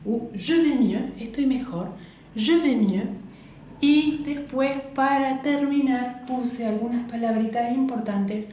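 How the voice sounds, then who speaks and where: Woman teacher, slow patient delivery, mellow voice, echoey room. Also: on the high side, a little hiss or hum. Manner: patient, repeats each phrase slowly, switches between Spanish and French. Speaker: French teacher. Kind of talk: slow explanatory lesson.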